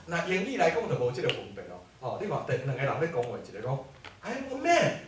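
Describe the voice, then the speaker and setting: A man giving an animated classroom lecture, peppered with rhetorical questions. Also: mid-range voice, racing, slight background noise. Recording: echoey hall from far off.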